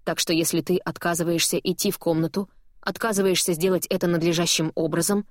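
A woman's voice: on the low side, steady tone, quick pace, no echo, studio quality, close to an everyday voice. A woman reading an audiobook, voicing a stern middle-aged male boss who talks curtly and firmly. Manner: curt, weary, firm. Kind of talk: audiobook character voice.

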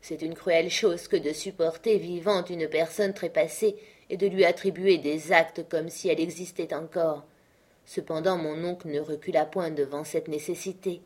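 Woman narrator, audiobook, measured and steady, lowish voice.

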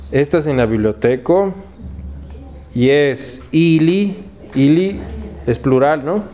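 A man with a Mexican accent teaching a class in a university lecture hall, drilling pronunciation slowly and patiently, word by word. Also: medium pitch, warm tone. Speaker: Esperanto teacher.

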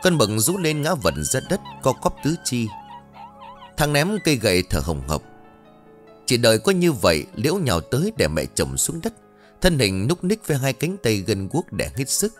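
A man's voice: mid-range voice, big pitch swings, moderate pace, soft background music. A man narrating a ghost story in a dramatic storytelling manner.

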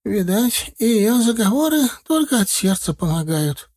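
A chatty old village granny, high and fluttery, rambling on in rustic country talk. Her voice swoops about and sounds slightly husky, close and dry, as a male reader puts her on. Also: big pitch swings, measured pace, a little mellow, heavily acted. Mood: chattering.

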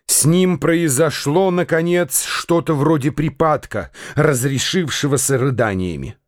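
A man narrating a radio drama in a measured, literary storytelling manner. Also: fairly high pitch, no room sound, studio quality.

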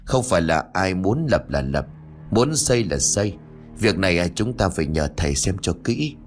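Cautious elderly father in a storybook, read by a man: hesitant, low, respectful. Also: very animated, normal speed, faint music behind. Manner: hesitant, sighing.

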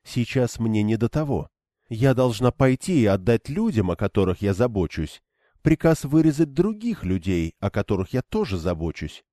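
A man's voice: fairly low pitch, big pitch swings, normal speed, dark tone, dry recording, studio quality. A man voicing a stern young woman leader who speaks in a cold, clipped, firm way.

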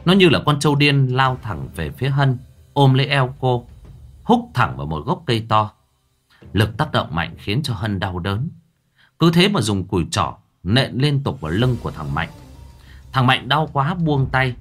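A man narrating a story in a dramatic, animated way. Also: medium pitch, moderate pace, soft background music. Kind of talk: scripted storytelling.

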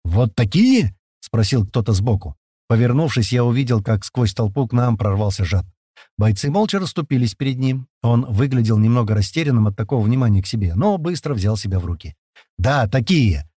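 A man reads an audiobook in the first person, casual and peppered with coarse slang. His pitch is middling but moves around a lot. The sound is close and dry. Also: expressive, brisk, mellow, slightly rough, no room sound. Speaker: audiobook narrator.

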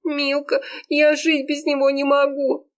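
A woman's voice: monotone, a little slow, lo-fi sound. A woman reading an audiobook, voicing a tearful young woman who sobs and wails as she talks about love. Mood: despairing. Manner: wailing, high and strained. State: sobbing. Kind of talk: audiobook character voice.

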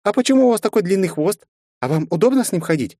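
A man's voice: high voice, lively intonation, quick pace, dark tone, dry recording, clean studio sound, voice pushed up. A man voicing a curious, chattering little girl who fires off eager questions.

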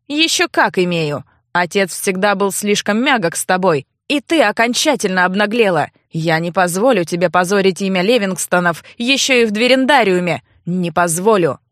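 A woman reading an audiobook, voicing a stern young nobleman with a low, curt, sneering delivery. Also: lively intonation, normal speed, hardly any pauses, no echo, clean studio sound, close to an everyday voice. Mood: cold mocking. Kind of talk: audiobook character voice.

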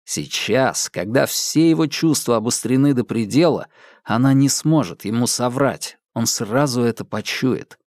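A man narrating an audiobook in a steady, tense storytelling manner. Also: mid-range voice, unhurried, no room sound, studio quality. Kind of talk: scripted narration.

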